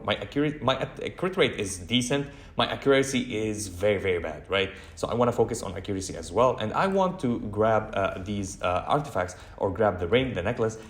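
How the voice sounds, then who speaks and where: A man's voice: medium pitch, echoey room. A man talking through a video game in a casual walkthrough, chatty, with many fillers and self-corrections. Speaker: gaming channel host.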